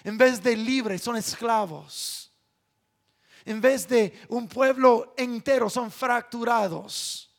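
A male preacher delivering a sermon, building to sudden loud, shouted climaxes. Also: very high voice, slow, vocal fry.

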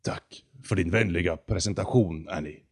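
A man voicing a deep, hoarse, arrogant condor. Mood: haughty. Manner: slow, haughty, lecturing. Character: arrogant giant talking condor, male.

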